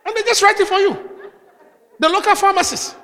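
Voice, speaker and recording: A man's voice: very high-pitched, a little fast, sharp tone, big-room sound, some chatter behind. A man preaching a sermon as pastor, calling out hallelujah between points. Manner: preaching with call-outs of hallelujah.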